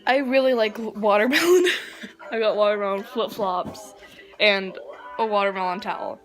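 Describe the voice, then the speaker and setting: A woman's voice: medium pitch, moderate pace, faint music behind. A teenage girl vlogging casually, rambling and giggling, often dropping to a whisper. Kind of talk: casual vlog chat.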